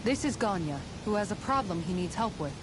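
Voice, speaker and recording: Loud rumbling noise runs behind a woman playing a patient, responsible video game companion. Her voice is medium in pitch. She sounds calm and concerned as she explains. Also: brisk, natural voice.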